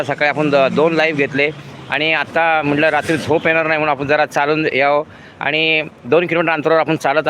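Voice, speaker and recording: Brief: fifties male live-streamer, slightly high voice, rambling and friendly, outdoor phone audio with faint traffic behind. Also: fairly bright tone. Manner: chatty, with many fillers and restarts. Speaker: vlogger. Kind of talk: live-stream walking vlog. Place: outdoors on a city road at night.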